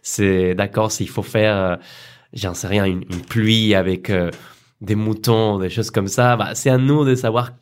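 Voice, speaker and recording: Colombian-accented young man, low voice. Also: a little slow, clean tone. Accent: Colombian Spanish. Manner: relaxed, laughs often, hesitant fillers. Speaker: guest, effects artist. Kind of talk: casual podcast interview.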